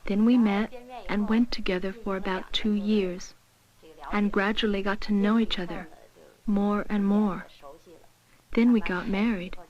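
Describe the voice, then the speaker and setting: A woman giving measured interview answers about her own life. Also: medium pitch, steady tone. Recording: dull, muffled documentary sound.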